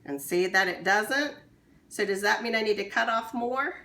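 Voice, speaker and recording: A woman teacher giving a slow, patient cooking demonstration for young children in a kitchen. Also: mid-range voice, bright, forceful tone, echoey room. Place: kitchen with running water.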